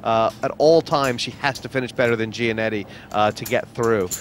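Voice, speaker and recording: A man's voice: medium pitch, fairly even intonation, normal speed, a little hiss or hum. A man commentating on a poker broadcast, asking his co-commentator questions and reading out game rules. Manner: conversational, asks the analyst questions.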